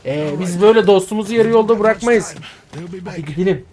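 A man giving live gameplay commentary as a streamer, excitable, swearing and yelling at the action on screen. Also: sits high, brisk, crowd noise. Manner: excitable, swears and yells at the game. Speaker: gaming streamer.

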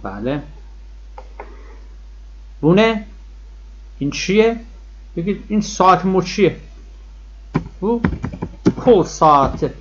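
A man's voice: high voice, expressive, pauses often, a little hiss or hum. A man teaching a vocabulary lesson, saying each word twice and then giving its meaning. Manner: drills words twice, then gives the meaning. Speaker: language teacher. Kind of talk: vocabulary lesson, repeating words slowly. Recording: dull, muffled sound.

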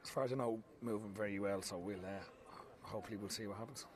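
Irish man, football manager, quick talker, frank post-match answers, handheld mic outdoors. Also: fairly low pitch, fairly even intonation, crowd noise. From Ireland. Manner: frank, repeats himself, many restarts. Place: outdoor football pitch at night. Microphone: handheld mic held close.

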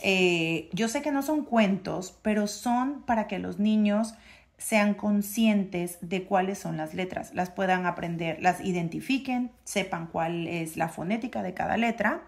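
A woman reads a children's letter book aloud. She sounds out each letter in a sing-song voice and draws out the sounds. Her pitch sits in an ordinary middle range. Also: a little slow, creaky. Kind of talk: reading a phonics book to a child.

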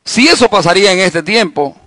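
Man pastor, Bible study sermon, fairly high voice, dry close mic, storytelling with rhetorical questions. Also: expressive, fairly quick, bright, forceful tone, no echo. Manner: conversational preaching with anecdotes and rhetorical questions.

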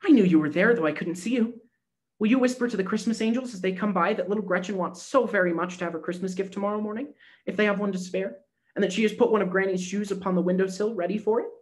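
A man voicing a sweet, hopeful little peasant girl in a storybook, with a high, breathless, childlike manner. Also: fast talker, lightly acted. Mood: wishful.

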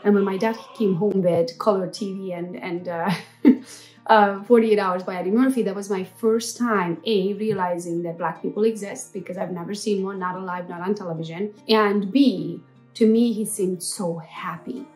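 A woman's voice: medium pitch, steady tone, normal speed, darkish tone, faint music behind. A woman in her forties from Transylvania, telling her life story in a chatty, playful vlog and talking straight to her viewers. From Transylvania, Romania. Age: 40s. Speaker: entrepreneur vlogger. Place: home office with window, then old school building.

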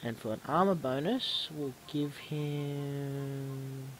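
A man with a stuffy, snuffly voice from a cold casually commentates on his own video game match, rambling, restarting words, and often stopping to correct himself. His mid-range voice is steady and slow-paced, and the recording quality is low.

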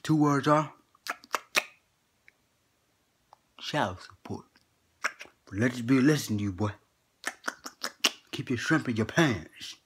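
Skit casting: a boastful old grandpa played by a man, folksy slangy drawl, chuckling, middle pitch. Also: a little slow, breathy edge. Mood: teasing. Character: boastful old grandpa telling tall tales. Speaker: comedy skit performer. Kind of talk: comedic character monologue.

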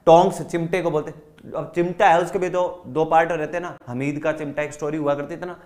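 A man's voice: a little high, flat delivery, a little fast, a little mellow. A man with an Indian accent teaching an online exam-prep English lesson in Hindi, drilling word lists and checking that students follow.

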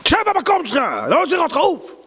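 A man voicing a furious male factory boss who shouts and berates a late worker with contempt. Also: very high voice, lively intonation, voice pushed up. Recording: long hall reverb.

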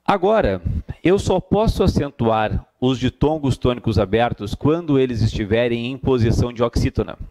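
A man's voice: mid-range voice, expressive, normal speed, darkish tone. A man with a Brazilian Portuguese accent teaching an exam-prep grammar lesson, emphatic, repeating key points and answering his own questions.

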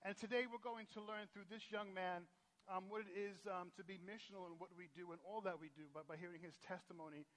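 A pastor hosting a lively church service, joking and energetic, often tripping over restarts. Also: male voice, high-pitched, fast talker. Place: church sanctuary.

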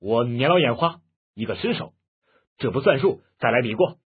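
A man's voice: medium pitch, lively intonation, moderate pace, slightly rough. A man playing an indignant old master. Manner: indignant, sharp. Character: proud, angry old male martial master. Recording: muffled phone-like lo-fi audio.

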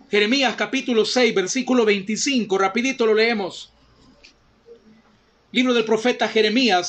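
High-voiced man preaching fervently. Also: fairly bright tone. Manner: fervent preaching, addresses listeners as brothers and sisters. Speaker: pastor. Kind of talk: sermon.

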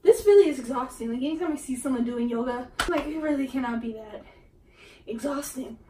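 A woman's voice: high-pitched, fairly quick, dark tone. A woman vlogging from a room at home, out of breath, giggly and poking fun at herself. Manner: giggly and self-mocking, laughing often. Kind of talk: casual vlog talk while attempting yoga. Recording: roomy and distant with faint noise.

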